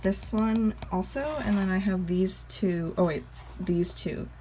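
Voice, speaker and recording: A woman's voice: medium pitch, steady tone, unhurried, mellow, slight background noise. A woman chatting casually in a home vlog, rambling with lots of fillers and frequent laughs. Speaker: vlogger.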